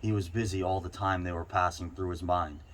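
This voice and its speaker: A man's voice: low voice, steady tone, a little fast, a bit bright. A man reading a short story aloud, now and then stumbling over a word and going back over it. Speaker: reader. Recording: clear background noise.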